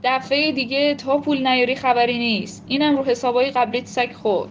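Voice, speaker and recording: A woman's voice: high-pitched, fairly even intonation, highs cut off, a little hiss or hum, close to an everyday voice. Woman reading a blunt grumpy dealer guy, stays close to her own voice. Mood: grumbling. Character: gruff grown man, a stingy neighborhood dealer.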